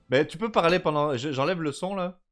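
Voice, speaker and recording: Playful male stream host, lively voice. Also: a little high. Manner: playful, reads chat comments aloud. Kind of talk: casual stream chat.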